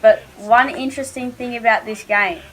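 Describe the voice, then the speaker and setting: A woman's voice: on the high side, steady tone, moderate pace, fairly bright tone, poor audio. A woman with an Australian accent co-hosting a sports podcast, talking through match analysis in a casual way. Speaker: podcast co-host.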